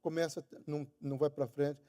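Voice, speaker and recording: Brazilian guy preaching, kinda high mellow voice, leans hard on words, big hall echo. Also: little pitch movement, fast. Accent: Brazilian Portuguese. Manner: emphatic, stretching key words and raising pitch on quoted lines. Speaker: pastor. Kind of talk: sermon. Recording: long church hall reverb.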